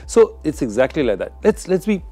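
Older man, dark mellow pundit voice. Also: fairly high pitch, brisk. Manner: animated, gestures while talking, mocking asides. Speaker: cricket pundit. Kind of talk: studio panel discussion. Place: TV studio, indoors. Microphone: lapel mic.

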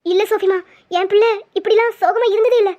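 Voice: extremely high pitch, fairly even intonation, fast, warm tone. A performer voicing an anxious middle-aged mother who keeps asking worried questions about her daughter. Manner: pleading, fussing questions. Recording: dull lo-fi sound.

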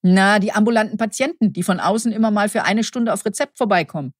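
A woman's voice: medium pitch, quick pace, breathy edge, dry recording, clean studio sound, lightly acted. A woman reading the part of an indignant, gossipy female nurse.

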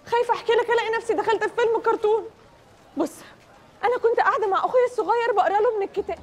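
An actress with an Egyptian accent playing a frantic young woman searching for her lost little brother, pleading and quick to snap back. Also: very high-pitched, a little hiss or hum. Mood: wary. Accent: Egyptian Arabic.

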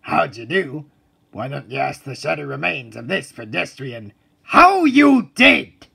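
A man voicing a stern, blustering drill-sergeant driving instructor in a commanding, military cartoon style, gravelly and husky. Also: mid-range voice, moderate pace, bright, forceful tone, full character voice. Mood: scornful. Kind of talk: cartoon voice acting.

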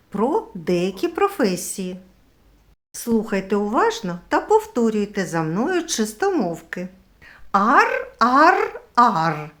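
A middle-aged woman teaching young children how to say a speech sound, slow and exaggerated like a kindergarten teacher. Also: medium pitch.

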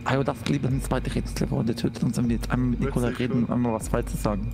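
A man's voice: mid-range voice, steady tone, racing, creaky, music in the background. A man in a game roleplay voice chat, arguing in slangy street talk.

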